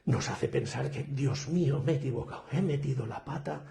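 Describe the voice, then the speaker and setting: Man, speaking coach, lively storyteller, dark gravelly voice, video call. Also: mid-range voice, fairly quick. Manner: animated storyteller, acts out quoted students. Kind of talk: interview answers.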